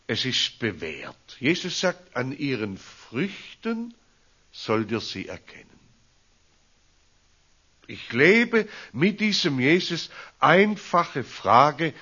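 A man, a pastor preaching a storytelling sermon in a slow, deliberate way. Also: medium pitch, breathy edge. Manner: slow, deliberate, animated rises and drops. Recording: dull lo-fi recording.

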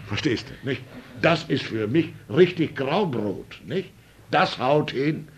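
An older male pastor preaching a sermon, telling stories and often tagging "nicht?", building up to loud, emphatic passages. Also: medium pitch, animated, slow pace, background noise.

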